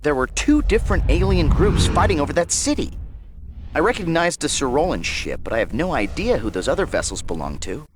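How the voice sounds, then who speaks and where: An actor voicing a hammy, wisecracking artificial intelligence sidekick in a comic video game, jokey and theatrical. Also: male voice, a little high, very animated, brisk, noisy background. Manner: jokey, theatrical, swooping delivery.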